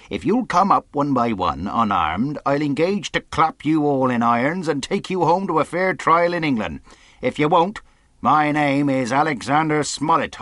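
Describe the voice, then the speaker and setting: A man's voice: on the high side, fairly bright tone, dry recording, clean studio sound, pitched above the performer's own voice. A man voicing a stern, defiant sea captain in an audiobook, with clipped, authoritative, emphatic delivery. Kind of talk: audiobook character acting.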